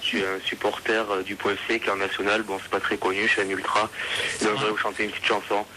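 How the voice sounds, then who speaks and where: A man's voice: lowish voice, little pitch movement, quick pace. A man leaving a rowdy, mocking voicemail for a radio show. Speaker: caller. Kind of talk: phone message to radio. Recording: voicemail played on radio with noise.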